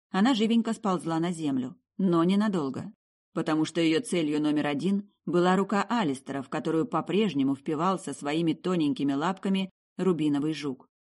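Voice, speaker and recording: Low-voiced woman narrating an audiobook. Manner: measured, expressive storytelling.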